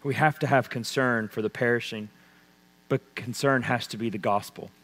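A man preaching a sermon, swinging between loud emphasis and hushed intensity. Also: mid-range voice, fairly even intonation, moderate pace. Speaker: pastor. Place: church sanctuary. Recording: long church reverb.

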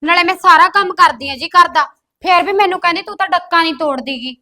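Brief: woman as a complaining young sister-in-law, very high bright voice. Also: quick pace, heavily acted. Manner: complaining, protests that she does all the work. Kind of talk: comedy skit acting.

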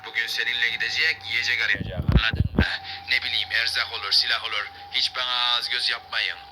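A man's voice: medium pitch, level tone, fairly quick, loud music behind the voice, close to an everyday voice, poor audio. A man voicing a bossy, harsh male camp leader in a game role-play, ordering and threatening.

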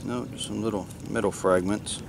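A man's voice: on the low side, fairly even intonation, moderate pace, creaky. A middle-aged man giving casual running commentary while magnet fishing on a lake dock, thinking aloud in a matter-of-fact way as he works. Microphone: camera mic, filmed from a few feet away. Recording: distant camera mic, loud wind and water noise.

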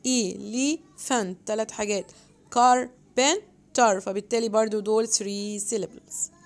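In a higher-pitched voice, a young Egyptian woman guides students through their English activity book one page at a time. Her explanations are in Arabic sprinkled with English words, and she reads each English prompt with slow care, as in a homework walkthrough.

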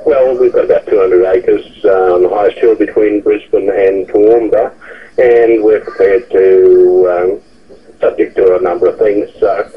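A man calling in to radio, speaking deliberately and hesitantly. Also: low voice, steady tone, husky. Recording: tinny phone line.

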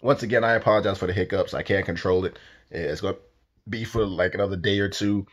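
A man's voice: sits low, fairly even intonation, fast. A man casually giving life tips to his viewers, talking straight to them in a slangy, direct way. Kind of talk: casual talk to camera.

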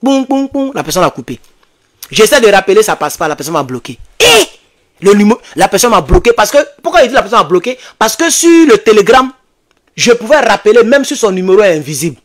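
A fairly quick, high-voiced Ivorian man in his thirties hosts from a small home studio, speaking close to a desk microphone. As an activist, he delivers impassioned, urgent commentary to his online followers, animated and emphatic, repeating phrases to drive his points home.

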